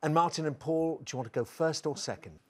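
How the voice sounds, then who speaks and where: A man's voice: fairly high pitch, quick pace, very noisy. A man hosting a television quiz show, reading questions and joking with contestants between laughs. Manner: jokey, laughs between lines. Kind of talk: scripted presenting and friendly banter.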